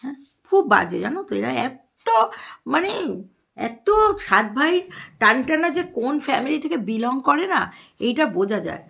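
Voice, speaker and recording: Husky gravelly Bengali woman, mocking gossip. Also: a little high, big pitch swings, moderate pace, pauses often, a bit bright. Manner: mocking, sarcastic, addresses viewers directly. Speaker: vlogger. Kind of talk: gossipy commentary vlog.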